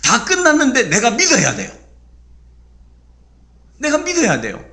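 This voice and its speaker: A man's voice: very high voice, huge pitch swings, moderate pace, sharp tone. A man preaching a sermon emphatically, full of rhetorical questions and repetition.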